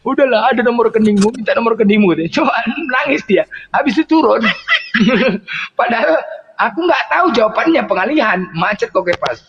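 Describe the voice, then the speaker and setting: A man tells a story in casual, colloquial talk. He is animated and chuckles often as he speaks. The recording sounds dull and lo-fi. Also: extremely high pitch, gravelly. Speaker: preacher.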